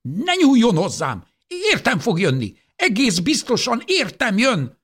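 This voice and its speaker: A man doing a shrill, wild old lady in a wheelchair, her voice jumping way high and cracking into frantic shouting, with a husky, breathy edge under it. she sounds desperate and furious all at once, like an audiobook scene in a care home. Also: wildly swooping pitch, exaggerated voice. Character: agitated elderly woman in a wheelchair.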